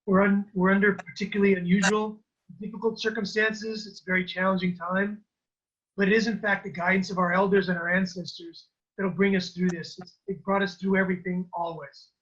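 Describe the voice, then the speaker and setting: A man with a high-pitched voice opens a community gathering with a welcome and a blessing, speaking earnestly and circling back on his words. The sound comes through a muffled, dull video call line. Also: little pitch movement, a little fast, fairly bright tone. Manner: earnest, with frequent fillers and restarts. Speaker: board member opening an event.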